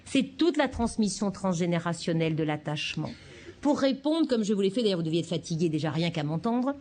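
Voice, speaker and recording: A woman child psychiatrist giving a conference lecture, addressing the audience directly and acting out parents' baby-talk. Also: mid-range voice. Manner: animated, acts out parent baby-talk examples.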